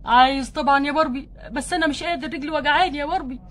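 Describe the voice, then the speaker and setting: A woman's voice: high voice, racing, fairly bright tone. A woman voicing an ailing, remorseful young husband doll in an Egyptian Arabic accent, talking in a plaintive, pleading way. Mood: pained. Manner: plaintive, pleading, tearful when moved. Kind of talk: doll play acting.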